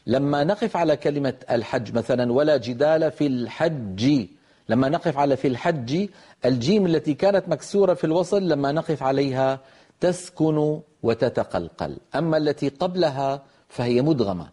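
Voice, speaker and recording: A man teaching Quran recitation rules in a televised lesson, explaining step by step in a measured way and slowly demonstrating the pronunciation. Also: fairly high pitch, animated, mellow, husky.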